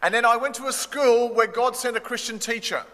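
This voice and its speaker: A man, preaching a sermon in short measured phrases that pause for an interpreter. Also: extremely high pitch, sharp tone. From Australia. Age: 60s. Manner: measured, pausing for translation. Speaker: pastor. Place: church hall. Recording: long reverb of a church hall.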